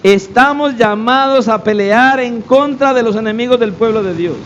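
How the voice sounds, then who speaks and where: A man's voice: extremely high pitch, normal speed, a bit bright, slight background noise, low-quality recording. A man pastor preaching a sermon, emphatic, throwing rhetorical questions at the congregation.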